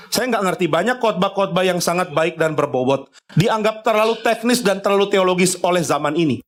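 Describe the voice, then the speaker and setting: A man's voice: sits high, lively intonation, fairly quick. A male pastor preaching a sermon, conversational and emphatic, acting out little dialogues with the congregation. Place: church.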